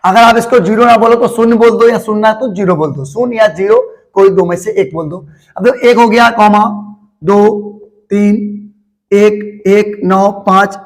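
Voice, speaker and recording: A man with a very high voice gives a patient classroom-style lesson. He repeats each step slowly and talks fondly to his students as children. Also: fairly even intonation, low-quality recording. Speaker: teacher.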